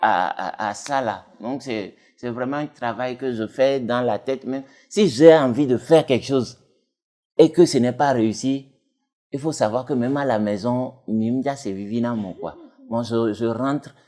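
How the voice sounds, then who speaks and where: A man's voice: unhurried, warm tone. A man, a dubbing actor talking casually as an interview guest, rambling with many fillers and restarts. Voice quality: deep voice.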